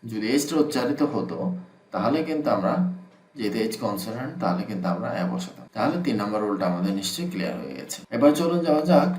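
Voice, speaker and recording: A man's voice: fairly low pitch, big pitch swings, fast talker, darkish tone. A man teaching English grammar, patiently repeating each rule step by step with examples. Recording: echoey room.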